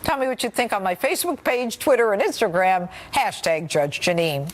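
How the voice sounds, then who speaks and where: A woman's voice: medium pitch, expressive, normal speed, a little hiss or hum. A middle-aged woman hosting a TV news show, delivering an emphatic, combative opinion monologue and questioning a guest. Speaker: TV host.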